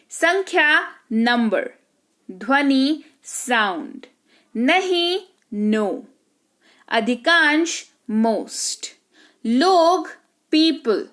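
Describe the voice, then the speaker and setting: A high-pitched woman teaching vocabulary at an unhurried pace. She reads each word and its meaning with slow care and stops now and then to check that her learners follow. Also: a bit bright. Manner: slow, deliberate word-by-word reading, Hindi word then English; explains with rising checks. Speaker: English teacher. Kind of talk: vocabulary lesson.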